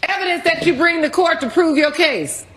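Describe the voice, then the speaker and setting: A woman's voice: extremely high pitch, moderate pace, fairly bright tone. A woman presiding as a TV court judge, questioning and ruling in a blunt, scolding, commanding way.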